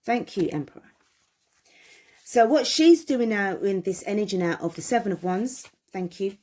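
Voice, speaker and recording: A woman's voice: mid-range voice, expressive, moderate pace, warm tone. A woman giving a tarot reading, talking emphatically, repeating phrases and asking viewers questions. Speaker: tarot reader.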